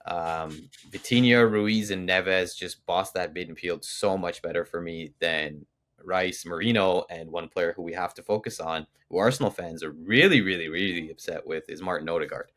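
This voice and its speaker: A young man with a very low, deep voice co-hosts a football podcast. He rambles emphatically, piling up fillers and restarts in casual sports chat. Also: moderate pace, fairly bright tone.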